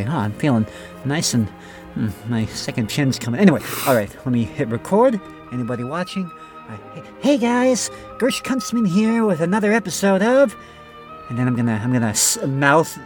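A man co-hosting a comedy podcast, rambling through a mocking, mock-dramatic bit in casual chat. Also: mid-range voice. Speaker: podcast co-host.

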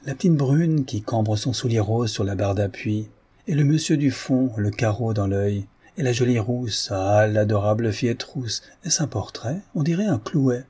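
A man voicing an excitable, fawning middle-aged notary who heaps effusive praise on everyone. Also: mid-range voice, moderate pace, breathy edge. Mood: gushing. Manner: gushing, effusive flattery. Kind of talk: audiobook character reading.

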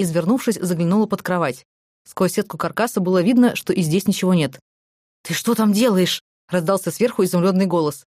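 Woman narrator, audiobook, brisk reading, fast, dry close sound. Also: lowish voice, darkish tone, no echo. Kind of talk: scripted narration.

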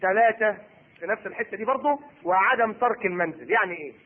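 A middle-aged Egyptian preacher talks very fast in a sharply high voice, acting out voices of husbands and wives. His voice is husky. The recording is thin and tinny, like a phone line. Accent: Egyptian Arabic. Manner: animated, acts out husband and wife voices. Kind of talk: Egyptian colloquial sermon.

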